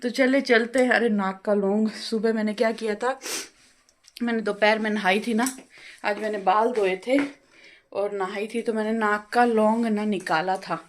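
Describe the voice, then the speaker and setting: A middle-aged woman vlogger chatting at home, talkative and quick with her words. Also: medium pitch, fairly even intonation, a little hiss or hum. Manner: talkative, fast-talking. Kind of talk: casual home vlog chat. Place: home, balcony and kitchen.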